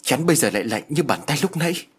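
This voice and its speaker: A man's voice: fairly high pitch, sing-song, quick pace, slightly rough, voice pushed up. A man voicing a young woman doctor who talks in an anxious, pleading way in an audio story. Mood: worried.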